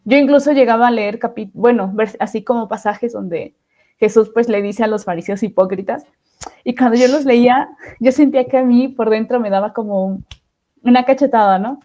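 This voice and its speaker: Podcast guest: woman, warm mellow tone, slightly high, reflective testimony. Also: moderate pace. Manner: reflective, often ends phrases with "¿no?". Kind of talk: testimony interview.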